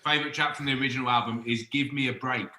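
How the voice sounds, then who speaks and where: A man's voice: medium pitch, steady tone, racing, bright, forceful tone, a little hiss or hum. A man guesting on a live podcast, joking and laid-back, heard over a roomy remote call. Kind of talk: casual live-stream chat.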